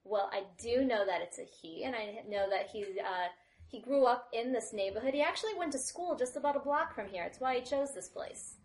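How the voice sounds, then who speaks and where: A woman's voice: fairly high pitch, expressive, a little fast. A woman speaking in character as a player in a tabletop game, hesitant and full of fillers and restarts. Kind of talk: in-character tabletop role-play.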